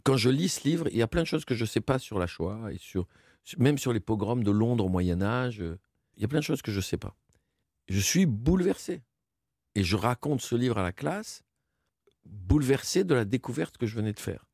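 A man being interviewed on radio, recounting memories haltingly with many fillers. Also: mid-range voice, very animated, a little mellow, slightly rough, no echo, studio quality. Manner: halting, moved storytelling with fillers. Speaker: interview guest, performer.

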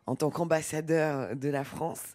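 A man's voice: a little high, fairly even intonation, unhurried, a little mellow, dry recording. A man hosting a radio interview from a studio, speaking in an announcer style with occasional fillers. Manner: announcer-like, fills with euh. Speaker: radio host.

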